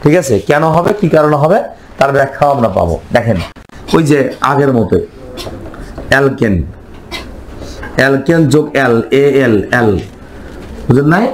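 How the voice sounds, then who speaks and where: A man's voice: medium pitch, expressive, normal speed, pauses often, a little hiss or hum, low-quality recording. Man lecturing a chemistry class. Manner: quizzes students with repeated questions, answers himself. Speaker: chemistry teacher.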